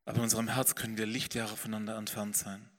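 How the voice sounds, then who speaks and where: Bright-voiced man preaching in a hall. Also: on the low side, flat delivery, racing. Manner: earnest preaching, rising and falling in intensity. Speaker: pastor. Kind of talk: sermon.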